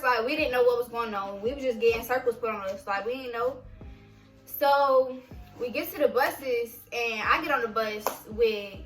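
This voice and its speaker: A young woman vlogger telling a story in a casual, animated way, full of "like" fillers. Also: a little high. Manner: animated, many "like" fillers, acts out quoted voices. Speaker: vlogger, army veteran recounting basic training. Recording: roomy, distant mic, faint music.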